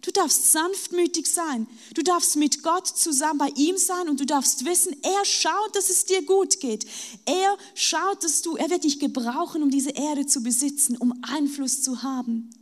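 A woman's voice: high-pitched, a little slow. A woman preaching a sermon, speaking straight to her listeners and voicing Jesus's invitations to them. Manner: addresses listeners directly, voices Jesus's invitations.

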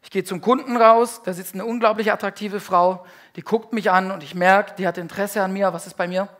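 A man's voice: sits high, fairly even intonation, fairly quick. Slangy, emphatic male preacher. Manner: emphatic, swings between loud outbursts and hushed confessions; colloquial, slangy. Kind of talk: sermon. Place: church service before a congregation.

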